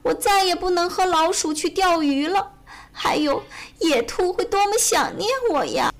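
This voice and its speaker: A small, frightened bear cub whimpers in a high, lilting, sing-song voice that climbs and falls as he frets, played by a woman reading a children's storybook aloud. The tone stays tearful and childlike. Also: animated, slow pace. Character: scared little boy bear cub, whiny.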